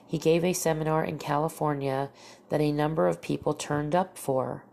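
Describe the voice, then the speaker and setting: Her allergies leave this podcast host sounding stuffy and nasal as she casually recounts encounter stories. Her voice sits low with vocal fry and a slightly mellow quality, her intonation fairly even and her pace moderate, and there's a faint hiss or hum in the audio. She rambles along with fillers and restarts.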